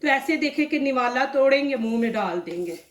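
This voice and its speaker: A woman's voice: high voice, animated, a little fast. A woman with a sore, dry throat giving a chatty step-by-step cooking demonstration in her home kitchen, walking viewers through each stage. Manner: chatty and instructive, often says "see this". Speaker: cooking channel host. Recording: echoey room, mic at a distance.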